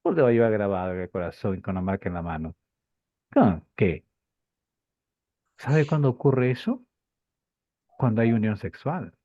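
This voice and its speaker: A man teaching a Bible class, lively and rhetorical, with lots of repeated phrases and questions to his students. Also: fairly low pitch, normal speed, long pauses, dry recording. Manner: animated, rhetorical questions and repetition. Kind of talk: class lecture. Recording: dull lo-fi dry recording.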